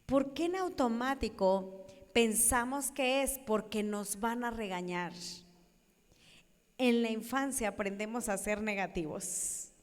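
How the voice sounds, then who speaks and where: A woman giving a lively sermon talk, acting out voices and asking her audience questions. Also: on the high side, slow. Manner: animated, acts out quoted voices, questions the audience. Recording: echoey hall.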